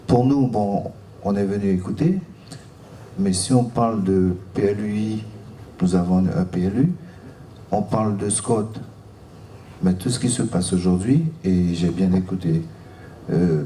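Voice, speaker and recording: A local elected official from French Guiana gives public remarks at a seminar, his voice low and dark. Recorded from a distance in the seminar room, the sound is roomy, with a distant mic and faint noise.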